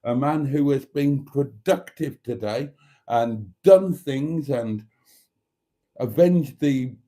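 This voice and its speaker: A man's voice: mid-range voice, slow, dark tone. A British man hosting a live show in a chatty monologue, with a camp, theatrical, effusive and cheeky manner.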